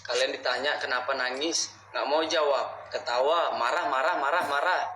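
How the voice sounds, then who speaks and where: A young man hosting a ghost-hunting explore vlog, talking slowly with a questioning tone and often muttering prayers, sometimes dropping to hushed, whispery asides. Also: medium pitch. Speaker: vlog host exploring a haunted spot. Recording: echoey space with faint background noise.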